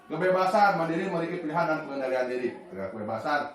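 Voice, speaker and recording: A male teacher walks through lesson points in a relaxed, explaining manner. Now and then he acts out a teacher or a pupil, sometimes with a sudden shout. His fairly high voice is picked up from a distance in a very echoey room. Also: quick pace. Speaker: teacher presenting a training module. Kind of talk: classroom presentation. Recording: very echoey room, mic far off.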